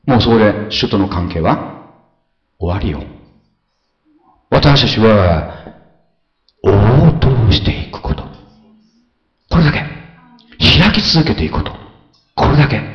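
A man preaching a sermon as pastor, animated, swinging between soft asides and loud exclamations, often asking his listeners questions. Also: medium pitch, reverberant, lo-fi sound. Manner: conversational, asks the congregation questions.

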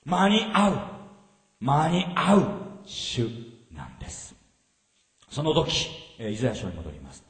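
A man preaching a sermon as pastor, animated and often asking the congregation questions. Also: medium pitch, measured pace, pauses often. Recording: roomy hall reverb, from a distance.

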